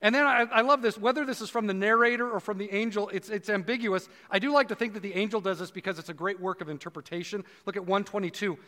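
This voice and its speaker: A man preaching a conversational sermon, dropping low and slow for emphasis. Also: steady tone, sharp tone, long reverb tail. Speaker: pastor.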